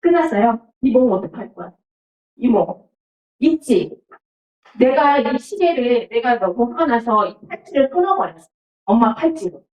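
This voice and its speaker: A woman preaches to children in a lively voice that rises high and swings widely in pitch. She keeps turning to the kids with questions and moves between chatty speech and solemn preaching. She sounds roomy and a little dull, as if picked up from across a church hall. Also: normal speed, far from the mic. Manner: addresses children directly with frequent questions; mixes casual speech with formal preaching. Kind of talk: sermon for children.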